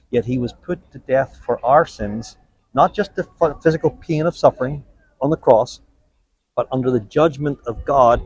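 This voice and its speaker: Out on a street, an evangelist preaches earnestly and persuasively, quoting scripture and joking with passers-by he stops. His voice is medium-pitched with a breathy edge, and the recording is rough.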